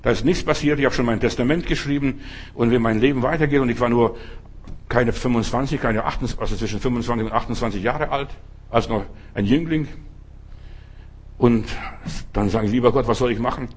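A middle-aged male preacher giving a fervent sermon, talking straight to the listener and swinging between loud exhortation and quiet asides. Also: medium pitch, breathy edge. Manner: addresses listener directly as du.

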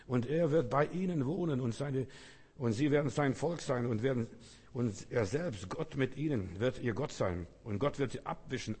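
A man delivers a fervent sermon, circling back to the same phrases and drawing them out for weight. His voice is a touch husky, at an ordinary pitch for a man. A long reverb hangs behind every line. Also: a little mellow. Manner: fervent, repetitive, slows down to stress key phrases. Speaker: preacher.

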